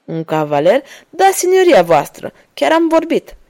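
Woman voicing a cunning male guide, servile, sly, raised pitch, storybook reading. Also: very animated, darkish tone. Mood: obsequious. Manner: sly, deferential, talking his way out.

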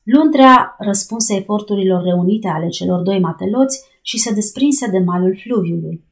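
Woman reading an adventure audiobook. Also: medium pitch. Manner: lively, raising her voice for shouted lines. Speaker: narrator. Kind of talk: audiobook reading with voiced dialogue.

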